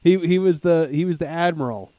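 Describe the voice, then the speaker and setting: Fairly high-voiced guy riffing on movies with crude jokes, dry room. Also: brisk, mellow, no room sound. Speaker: podcast co-host. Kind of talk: casual movie review chat.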